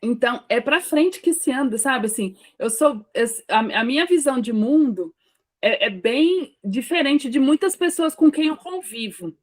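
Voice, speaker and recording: A woman with a Brazilian Portuguese accent talks casually on a faith panel. Her voice is fairly high, and she rambles, stumbling over restarts as she questions her own views. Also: expressive, moderate pace.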